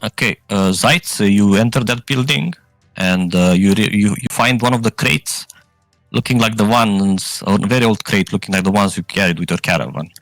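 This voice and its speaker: Man, tabletop game master, lowish pitch, halting improvised narration, dry sound, music in background. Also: a bit bright, no room sound, low-quality recording. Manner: halting, searching for words.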